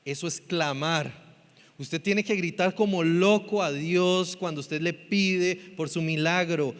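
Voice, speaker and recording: A man preaching with a high, bright voice, theatrical and expressive. He swings between loud, pleading cries and quiet, almost whispered passages. His voice rings out with a long reverb from a church hall. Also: takes it slowly. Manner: dramatic, acts out quoted voices. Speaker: pastor. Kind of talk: sermon.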